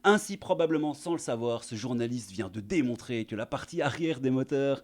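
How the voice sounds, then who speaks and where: A man's voice: mid-range voice, lively intonation, fairly quick, a little mellow. A man giving sarcastic, crude comedic news commentary as a YouTube host, full of fillers and asides.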